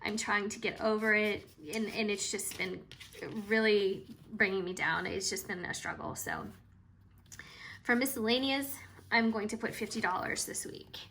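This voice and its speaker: A woman vlogger talking casually through her cash budget, a bit hoarse and chatty, with frequent hesitations. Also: mid-range voice, moderate pace, pushed and bright, slight background noise. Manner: chatty and hesitant, with frequent ums and trailing asides.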